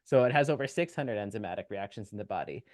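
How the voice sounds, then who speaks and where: A man's voice: fairly low pitch, lively intonation, fast, no room sound, studio quality. A man speaking as a guest nutrition expert in a casual podcast interview, explaining in a technical way with frequent fillers.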